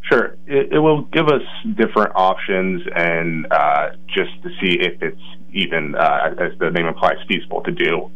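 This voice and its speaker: Low-voiced man on a phone line. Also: moderate pace. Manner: careful, explanatory, stops often to rephrase. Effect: heard over a phone line. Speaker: county planning coordinator, guest. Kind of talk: radio interview answers.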